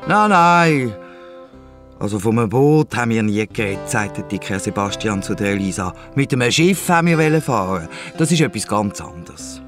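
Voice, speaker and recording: A man's voice: on the low side, animated, moderate pace, faint music behind, lightly acted. A man with a Swiss German accent voicing a fat, fearful, grumbling uncle in a children's radio play. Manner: grumbling, reluctant.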